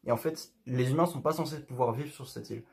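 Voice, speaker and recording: A man's voice: mid-range voice, fast, gravelly. A young man talking casually to camera in his bedroom, rambling with lots of fillers and restarts. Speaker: youtuber.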